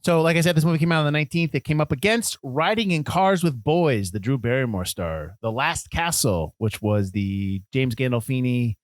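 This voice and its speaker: A man's voice: medium pitch, normal speed, few pauses, no room sound. A man co-hosting a podcast in casual, joking chat. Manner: joking, animated, teasing. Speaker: podcast co-host.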